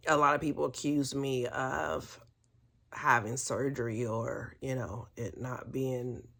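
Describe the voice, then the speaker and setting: With an extremely low-pitched, slightly bright voice, a woman vlogger shares a personal story. She is casual, candid and chatty, frequently amused and pausing as she picks her words.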